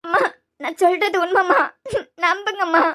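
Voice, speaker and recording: A woman's voice: very high voice, fairly even intonation, fairly quick, fairly bright tone. A woman with a Kanyakumari Tamil accent voicing a tearful, despairing young woman in a cartoon serial. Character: distraught young woman, newly engaged.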